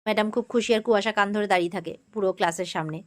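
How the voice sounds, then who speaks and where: Very fast and steady in tone, with a mid-range voice, a woman with a West Bengal accent runs through a TV serial recap for her channel. It's casual, chatty storytelling, and she slips into quoted dialogue as she tells it.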